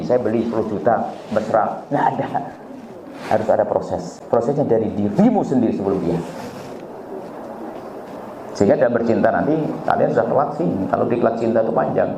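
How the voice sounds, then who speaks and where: A man's voice: on the low side, dark tone, slight background noise. A man preaching to a live audience, acting out family dialogues and throwing out jokes and questions to the crowd. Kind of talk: religious talk to a live audience. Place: gathering hall with a live audience. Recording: echoey hall, slightly dull sound, faint crowd.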